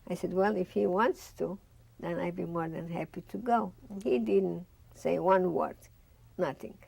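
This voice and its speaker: With a lowish, slightly rough voice, a bit slow, darkish, and full of vocal fry, an older Russian-accented woman from Bessarabia recounts her life for an oral history. She sits in a studio against a dark curtain and acts out the conversations she recalls. The recording is dry.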